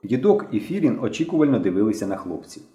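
Mellow-voiced male audiobook narrator. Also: fairly low pitch, fast. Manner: expressive storytelling. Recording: roomy echo.

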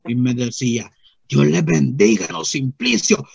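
A man's voice: on the high side, animated, moderate pace, creaky, darkish tone, breathy edge, dry recording, highs cut off, exaggerated voice. A man playing a naive rustic churchgoing man, telling a rambling comic story full of repeated "mire" and acted-out voices. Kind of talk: comic character monologue.

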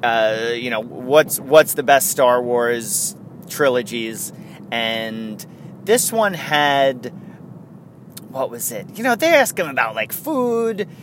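A man with a New York accent hosts his own solo podcast, rambling casually, chuckling, and restarting his sentences. His medium-pitched voice is very animated but slow, with slight background noise.

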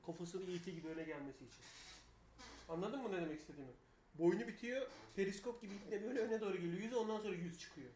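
A man's voice: high-pitched, quick pace, darkish tone, reverberant, a little hiss or hum. A man co-hosting a live radio show, telling long rambling stories and swearing freely. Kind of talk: casual live radio banter.

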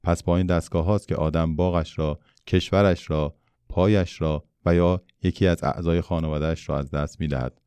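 A man's voice: low-pitched, fairly even intonation, dark tone, clean tone, dry recording, natural voice. A man voicing a troubled, curious young boy. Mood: thoughtful. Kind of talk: storybook reading.

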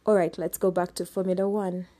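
A woman's voice: on the low side, flat delivery, a little fast, over loud music. A young adult woman from Uganda, hosting a solo podcast and patiently explaining rules step by step, often repeating and correcting herself. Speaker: podcast host.

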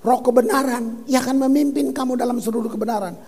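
A man preaching a lively sermon as pastor, reading scripture and exclaiming. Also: very high-pitched, quick pace, in a large hall. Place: church hall.

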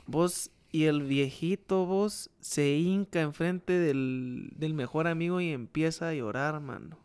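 A young man with a Guatemalan accent, chatting casually and telling stories, often tagging his sentences with a quick "va, vos". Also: a little high, darkish tone, smooth. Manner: storytelling, tags sentences with "va, vos". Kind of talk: casual chat.

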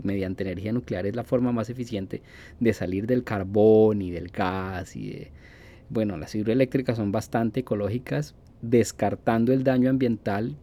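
A man in his forties with a Colombian accent talks through a casual podcast monologue. His voice is dark and gravelly, and he rambles, circling back with fillers and restarts. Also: mid-range voice. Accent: Colombian Spanish. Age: 40s. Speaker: podcast host.

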